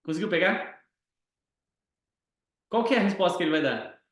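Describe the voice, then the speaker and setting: A man's voice: high-pitched, animated, normal speed, fairly bright tone, roomy sound. A man hosting a mentoring session, coaching others energetically by example. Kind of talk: casual mentoring chat.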